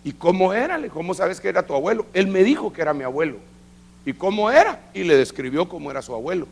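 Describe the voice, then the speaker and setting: A middle-aged man preaching, telling a testimony with lively acted-out dialogue. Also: high voice, quick pace, creaky. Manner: animated storytelling, acting out quoted dialogue. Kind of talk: sermon testimony. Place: church service.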